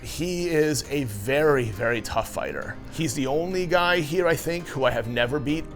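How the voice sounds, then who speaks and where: A man's voice: a little high, lively intonation, moderate pace, soft background music. A man who fights, talking casually and earnestly in an interview, with emphatic phrasing.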